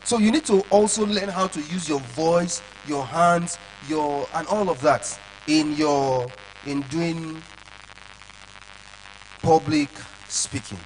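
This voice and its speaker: A man lecturing children on public speaking, animated and checking often that they follow along. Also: a little high, slow pace, slight background noise, rough recording.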